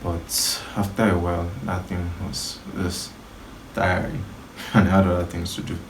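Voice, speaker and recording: A young man talks in a relaxed, teasing way and laughs often. His voice is very deep. It has a roomy echo with faint noise behind it. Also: unhurried. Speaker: co-host. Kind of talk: casual chat. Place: outdoors.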